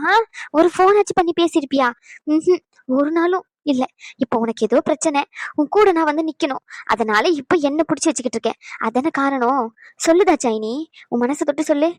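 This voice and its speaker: A woman's voice: high voice, dry recording, close to an everyday voice. A woman voicing an elderly grandmother in a cartoon, speaking steadily and reproachfully as she lectures her grown daughter. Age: older. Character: elderly grandmother, calm, firm, leaving home. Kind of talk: cartoon voice acting.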